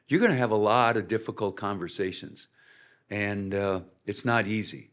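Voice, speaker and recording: A man's voice: on the low side, moderate pace. An older man from Minnesota, teaching ministry leaders in an informal way, rambling through stories with many fillers. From Minnesota, USA. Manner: rambling, anecdotal, frequent fillers. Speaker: ministry instructor.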